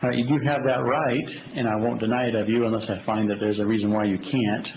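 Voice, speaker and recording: A man presiding as a judge at a court hearing, asking brisk procedural questions, heard through compressed, distorted low sample rate audio. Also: little pitch movement. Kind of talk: court hearing over a video call. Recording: tinny low-bandwidth call recording with faint noise.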